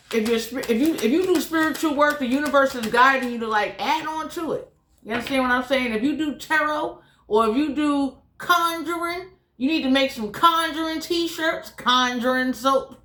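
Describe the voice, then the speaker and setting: A woman's voice: high voice, pushed and bright. A woman hosting a casual, blunt tarot reading in colloquial speech, talking with whitening trays in her mouth. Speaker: tarot reader and channel host. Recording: echoey, roomy sound.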